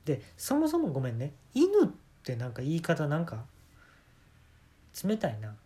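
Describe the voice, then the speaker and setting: Rambling Kansai man, animated pitch. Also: normal speed. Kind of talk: solo comedic monologue.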